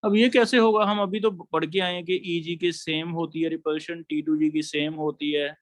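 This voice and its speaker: High-voiced male chemistry teacher. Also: steady tone, moderate pace, dry recording. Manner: explains step by step, asks students questions. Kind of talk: classroom lecture.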